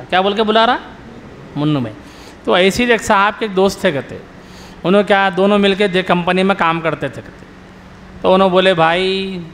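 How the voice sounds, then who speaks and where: A middle-aged male religious scholar lecturing a live crowd in a fairly high voice. He tells homely stories and keeps stopping to quiz his listeners, repeating the key point until they answer. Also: fairly bright tone, in a large hall, slight background noise. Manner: quizzes the audience with repeated questions; storytelling with everyday examples. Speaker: Islamic scholar, maulana.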